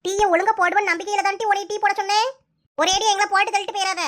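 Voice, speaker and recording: A woman's voice: extremely high pitch, steady tone, very fast, a bit bright. A woman doing a scolding old mother-in-law. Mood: grumbling. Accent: Kanyakumari Tamil. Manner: nagging, scolding, bossy. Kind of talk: comic cartoon voice acting.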